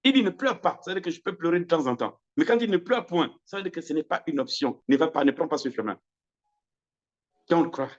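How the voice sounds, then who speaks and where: A man's voice: animated, a little fast. Impassioned male preacher, muffled broadcast. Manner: impassioned preaching with big swings in pitch and loudness; repeats phrases and restarts words. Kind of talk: sermon.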